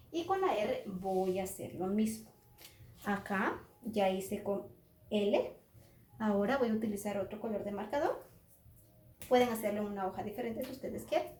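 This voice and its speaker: A woman teacher giving a children's phonics lesson at a whiteboard, slowly sounding out letters and words. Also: mid-range voice, a little mellow. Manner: slow, drawn-out sounding out of letters. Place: classroom with whiteboard. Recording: echoey room.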